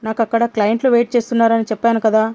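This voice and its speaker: A woman narrator voicing a quarrelsome young man who shouts at his family over breakfast. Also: a little high, monotone, racing, natural voice. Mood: shouting. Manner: loud, indignant.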